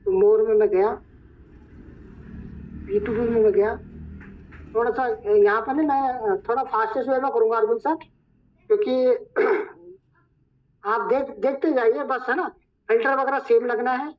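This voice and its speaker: A hoarse man acting as trainer, talking viewers through a screen-share tutorial step by step. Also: extremely high pitch, steady tone, unhurried, pauses often. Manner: talks viewers through each step, repeating "look". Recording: dull lo-fi recording.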